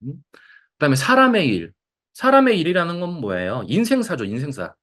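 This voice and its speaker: A man giving a lively Bible lecture, asking the audience questions and acting out quotes. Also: on the high side, fairly quick. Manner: animated, acts out quotes, asks the audience questions. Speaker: Bible lecturer at a counseling center.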